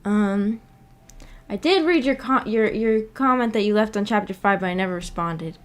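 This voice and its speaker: A woman speaks at normal speed in a medium-pitched voice, casually chatting with her livestream viewers and reacting to their comments. She hosts a visual novel book club and is hesitant and giggly when searching for words.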